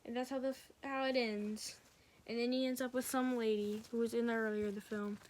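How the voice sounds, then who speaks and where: A woman's voice: fairly high pitch, little pitch movement, fairly quick, darkish tone. Rambling woman retelling a film. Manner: rambling, strings events together with "and then". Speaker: film reviewer. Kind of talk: casual film recap.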